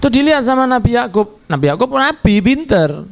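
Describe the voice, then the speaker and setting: A man delivers a storytelling sermon. He slips into the characters' voices, and his pitch jumps up and down as he does. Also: sing-song, a little fast, creaky. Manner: acts out characters' lines with shifting pitch. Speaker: preacher.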